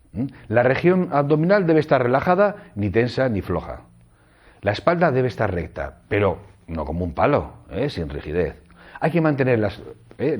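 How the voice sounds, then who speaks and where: Man lecturing with lively pitch. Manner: explanatory, frequent tag questions. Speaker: teacher trainer. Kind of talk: recorded lecture on teaching. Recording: dull lo-fi audio.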